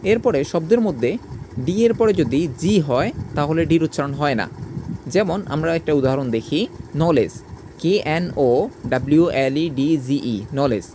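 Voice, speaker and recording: A man's voice: a little high, animated, measured pace, dark tone, a little hiss or hum. A man teaching English, working through a pronunciation lesson in a methodical, letter-by-letter way.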